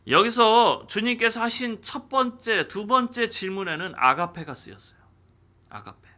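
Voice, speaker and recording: Male pastor, high bright voice, lively sermon delivery with acted-out quotes. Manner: animated, acting out dialogue in quotes.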